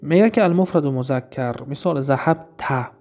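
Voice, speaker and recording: A man with a Tajik accent teaching Arabic grammar in a class, reading each example slowly and then explaining it. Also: a little high, a little mellow.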